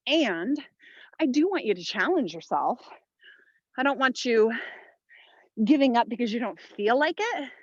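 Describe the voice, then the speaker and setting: A woman's voice: a little high, big pitch swings, a little slow, pauses often, breathy edge, dry recording, muffled recording. A woman leading a follow-along workout as a fitness instructor, giving motivational short commands and counts while exerting herself. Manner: exerting while talking, audible breaths and sighs.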